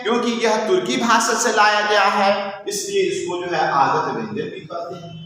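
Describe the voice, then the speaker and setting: A man's voice: sits high, bright, forceful tone, a little hiss or hum. A male teacher giving a step-by-step classroom lecture, asking and answering his own questions and repeating key terms. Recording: echoey room with long reverb.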